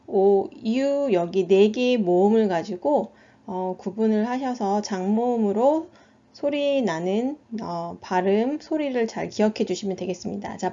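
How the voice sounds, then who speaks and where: A woman with a Korean accent teaching an English phonics lesson, speaking slowly and patiently and repeating each sound twice. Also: mid-range voice, mellow, dull audio.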